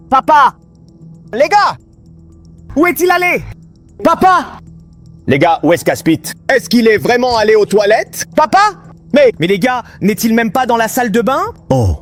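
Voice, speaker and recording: A man narrating his gameplay in an excited, panicky way, constantly calling out to his viewers. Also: very high voice, measured pace, long pauses, faint music behind. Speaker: gaming video host.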